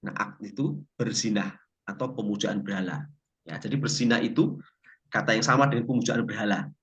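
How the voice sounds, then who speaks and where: A man's voice: lowish voice, moderate pace, muffled recording. A man teaching a Bible language class, telling stories with jokes and asking the class questions. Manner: lively storytelling, asks class questions.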